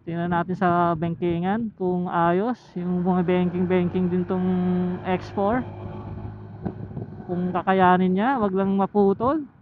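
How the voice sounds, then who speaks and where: A motovlogger reviewing camera gear speaks with a Filipino accent, a medium pitch and fairly even intonation. He's outdoors on a motorcycle, chatting casually and musing in short, halting bits over a helmet intercom headset that sounds tinny amid road noise.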